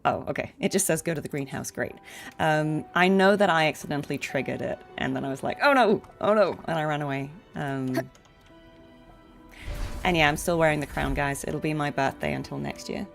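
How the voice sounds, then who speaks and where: With faint game music in the background, a voice actress chats informally with her livestream viewers while playing, laughing easily. She speaks at normal speed in a low-pitched voice with vocal fry.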